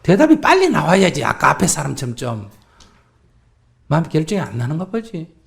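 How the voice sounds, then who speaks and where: A Buddhist monk with a Gyeongsang accent, animatedly answering a questioner in a live dharma talk and acting out both sides of conversations. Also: male voice, a little high, wildly swooping pitch, a little fast, vocal fry. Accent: Gyeongsang Korean.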